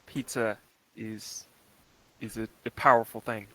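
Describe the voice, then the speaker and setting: A man's voice: on the low side, fairly even intonation, measured pace, bright, forceful tone, no room sound, low-quality recording. A man co-hosting a casual stream, stammering and restarting his words. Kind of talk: casual livestream chat.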